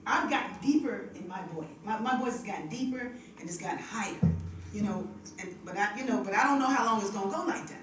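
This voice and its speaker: Medium in pitch and surrounded by heavy background noise, this woman's voice belongs to a devotional host and singer telling stories with plenty of laughter in a relaxed spiritual chat. She uses a stage mic with monitor feedback in a music room, recorded at a distance with lots of echo.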